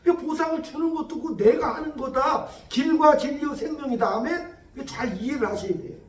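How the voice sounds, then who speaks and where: A male pastor preaching a Sunday sermon, acting out dialogue in a lively way. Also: very high-pitched, fairly quick. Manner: lively preaching, acting out God's lines to Job. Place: church sanctuary. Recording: echoey hall from far off.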